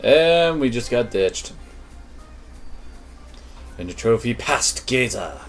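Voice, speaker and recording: A man with a mid-pitched, very animated voice gives casual game commentary. He streams with wry, sarcastic asides. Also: slow, soft background music.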